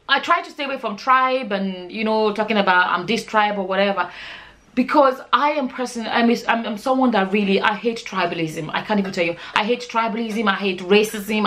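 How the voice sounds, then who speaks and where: A mid-range, fairly bright voice belongs to a forty-year-old Nigerian vlogger who hosts her own channel. In a casual, chatty way she responds to viewer questions, repeating words and phrases for emphasis.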